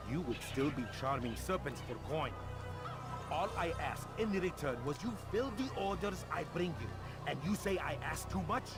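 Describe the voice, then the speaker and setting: Video game villain: domineering merchant tyrant, contemptuous and quick to rage, over prominent music. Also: male voice, a little high, lively intonation. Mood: furious. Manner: scornful, domineering, theatrical. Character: cruel, menacing male arms dealer, quick to rage. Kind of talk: dramatic video game acting.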